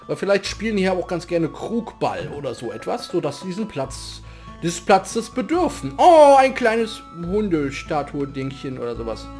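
A man's voice: high-pitched, big pitch swings, moderate pace, darkish tone. A man doing casual let's play commentary with dry, joking asides. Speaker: let's player. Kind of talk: casual gameplay commentary with dialogue read aloud. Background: game music.

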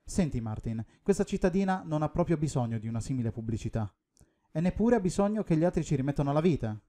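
A man's voice: fairly high pitch, animated, quick pace, warm tone, lightly acted. A man reading as a pushy small-town mayor. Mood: insistent. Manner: insistent, pressing.

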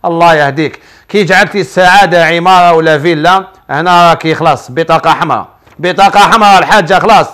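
A man with an Algerian Arabic accent and a notably high voice gives religious advice on television. He works through viewers' questions as a sheikh. His delivery is preachy and full of rhetorical questions. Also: fast talker, fairly bright tone.

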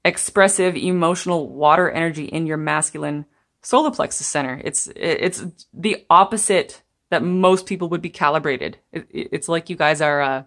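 Seated at a table indoors, a young woman gives viewers a pick-a-card tarot reading, chatty, meandering and gentle, laughing now and then as she talks. Her voice is deep and her pace moderate.

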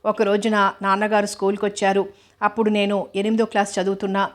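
A woman reading a novel aloud as an audiobook narrator, in a steady, even storytelling read. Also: medium pitch, fast talker.

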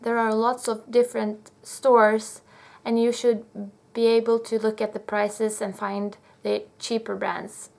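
A young Norwegian woman in her twenties with a Norwegian accent, talking casually to camera in a small room, relaxed and pausing to recall prices. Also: mid-range voice, vocal fry. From Norway. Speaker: language teacher vlogger.

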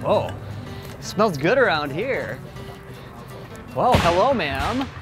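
A man's voice: high-pitched, very animated, takes it slowly, music in the background. A man in his twenties hosting on location, joking around and clowning with the people he meets. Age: 20s. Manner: jokey, goofy, sings along. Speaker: host. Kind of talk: playful on-location host banter. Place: outdoor historic site.

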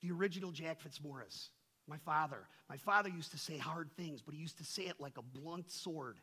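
Husky high-voiced male pastor preaching. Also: fairly quick. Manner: swings from loud emphatic peaks to soft low asides; rhetorical questions to the congregation. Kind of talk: sermon.

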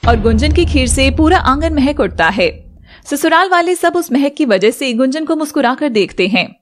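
A woman narrates a scripted animated drama in an even storytelling voice. Her pitch sits a little high, and there is a faint hiss in the background. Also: normal speed.

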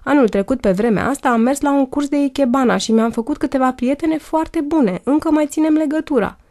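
A woman's voice: high-pitched, pitched above the performer's own voice. Woman doing a chirpy glamorous mother-to-be. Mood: enthusiastic. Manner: bright, chirping, enthusiastic. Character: chirpy glamorous pregnant young woman, enthusiastic.

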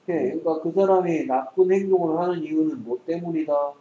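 A man's voice: fairly high pitch, brisk, reverberant, dull audio, slight background noise. A man tutoring English one-on-one, quizzing his student and joking bluntly, in a casual lesson. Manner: teasing, quizzing, blunt slang.

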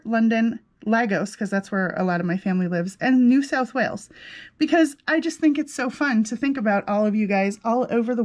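A woman hosting a crafting vlog, chatting casually in a rambling, effusive and exclamatory way. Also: medium pitch. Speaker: crafting channel host. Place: indoors at a desk with a laptop.

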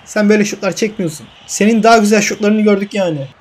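High-voiced young man calling his game. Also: fast talker. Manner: emotional, swings from calm commentary to yelling at goals and cursing misses. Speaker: gaming YouTuber. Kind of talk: excited play-by-play of his own football video game. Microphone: desk mic.

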